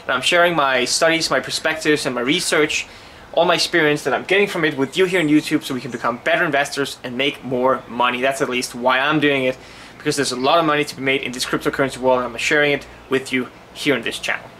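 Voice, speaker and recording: A man's voice: medium pitch, steady tone, fast, bright, forceful tone, slight background noise. A man from Denmark hosting his own crypto channel, explaining in a casual, earnest monologue with frequent restarts and repeated words.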